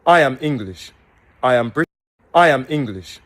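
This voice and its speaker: A man's voice: medium pitch, animated, normal speed, fairly bright tone. A man speaks in a mid-range voice with an emphatic, declarative rhythm, delivering a public speech. He builds his points in repeated rallying phrases.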